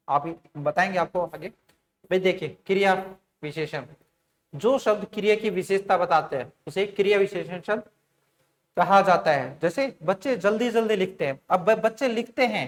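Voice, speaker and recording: A man teaching an online grammar lesson, explaining step by step and often putting questions to his students, with frequent fillers. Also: high-pitched. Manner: sprinkles fillers like "theek hai" and "bhai".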